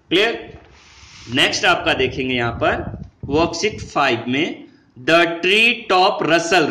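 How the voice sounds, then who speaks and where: A man's voice: high voice, pushed and bright, reverberant, rough recording. A man with an Indian accent teaching English grammar, mixing Hindi and English and asking his students questions, then answering them himself.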